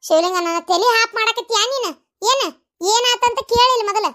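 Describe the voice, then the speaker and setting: Woman as a squeaky, bright-voiced nagging wife, North Karnataka Kannada accent, cartoon comedy, rattles on fast. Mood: scolding. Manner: nagging, scolding rapid-fire.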